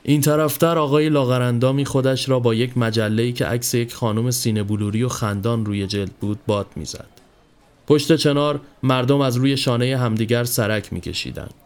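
A man hosting a podcast, reading a literary short story aloud in steady narration. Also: mid-range voice. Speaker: podcast host.

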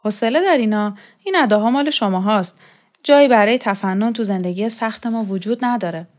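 A man's voice: high voice, close to an everyday voice. A woman reading the lines of a shy, earnest young man in a storybook reading.

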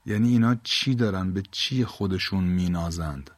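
A man's voice: low voice, dry recording. A man teaching a Quran exegesis lesson, reciting Arabic verses and explaining them word by word.

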